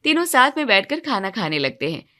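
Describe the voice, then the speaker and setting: A woman narrates a storybook cartoon in a matter-of-fact way. Her voice sits a little high and sounds bright and crisp. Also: big pitch swings, a little fast.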